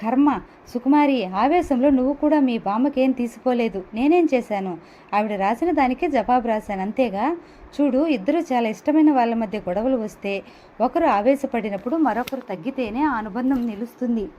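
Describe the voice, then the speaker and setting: A woman reading the part of a calm young man who patiently reasons with and gently scolds a friend, in an audio novel. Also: a little high, moderate pace, natural voice. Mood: gently reproving. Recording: dull lo-fi with faint hiss.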